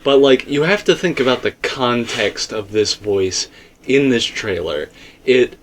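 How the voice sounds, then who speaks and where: A man hosts a casual fan theory discussion, explaining things informally and addressing viewers directly. His voice is medium-pitched and unhurried, with slight background noise.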